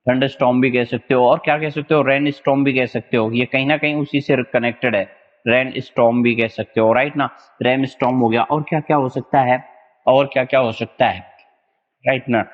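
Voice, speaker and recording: Chatty male teacher with a catchphrase. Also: medium pitch. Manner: casual, repeats "right na" often, jokey memory tricks. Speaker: exam vocabulary teacher. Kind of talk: online lesson with whiteboard. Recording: dull, echoey lo-fi classroom recording.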